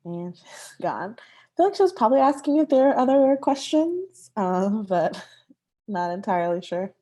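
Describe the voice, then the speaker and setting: A woman hosting a community meeting over a video call, relaxed and chatty, laughing easily. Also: high voice, moderate pace. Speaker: meeting host. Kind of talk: casual chat.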